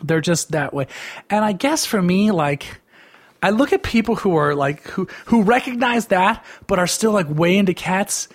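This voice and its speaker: A man's voice: high-pitched, expressive, normal speed. A man ranting casually, rambling with constant "like" fillers and a sarcastic, dismissive edge. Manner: rambling, heavy use of "like" fillers. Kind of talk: casual opinion rant.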